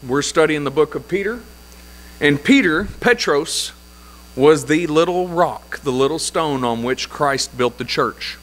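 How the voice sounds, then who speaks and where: A man's voice: a little high, animated, unhurried, fairly bright tone, low-quality recording. A man pastor preaching a sermon in a church, opening in prayer and retelling scripture with emphatic repetition. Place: church sanctuary.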